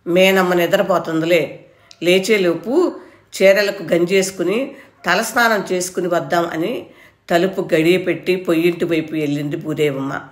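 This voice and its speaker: Low-voiced woman reading a story. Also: moderate pace, reverberant. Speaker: author reading her own story. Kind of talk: storytelling narration.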